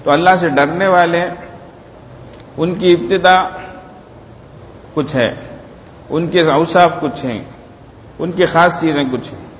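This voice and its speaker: A man preaching a Ramadan sermon in Hindi-Urdu, who often asks his listeners rhetorical questions and slows down on religious words. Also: on the high side, slight background noise. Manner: slow emphatic phrases on religious words. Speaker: Islamic preacher. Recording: roomy long reverb, dull lo-fi sound.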